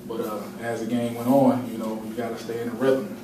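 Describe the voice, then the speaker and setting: Speaking briskly in a flat, mid-range voice, a man fields questions after a game, frank about his own mistakes and using lots of fillers. The audio comes from a table mic some distance away in a big press room, so it sounds roomy, distant, and noisy.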